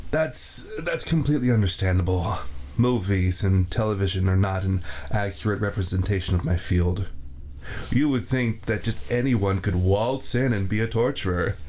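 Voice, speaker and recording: In an ASMR roleplay captured on a 3Dio binaural mic, a man plays a spiteful, fussy, laid-off veteran torturer. His lowish, slightly mellow natural voice moves slowly and deliberately, using formal, theatrical villain diction with a fussy, clinical mood. A little hiss or hum sits underneath.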